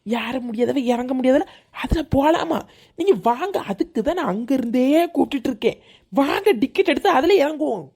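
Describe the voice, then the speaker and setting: An impatient young cartoon woman, put on by a woman, calling out. Her high voice swings up and down a lot. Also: lively intonation, fairly quick, vocal fry, a little mellow, breathy edge, exaggerated voice. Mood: urging. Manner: calling out from afar.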